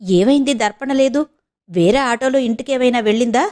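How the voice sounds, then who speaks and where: A woman's voice: on the high side, normal speed, a little mellow, close to an everyday voice. A woman voicing a hot-tempered young male college student who scolds angrily. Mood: angry. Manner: angry, scolding.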